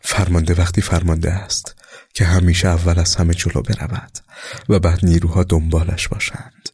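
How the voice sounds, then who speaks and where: A man reading war memoirs aloud in a slow, solemn, scripted narration that sometimes sinks to a soft whisper. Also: low-pitched, little pitch movement, slightly rough, no echo, studio quality.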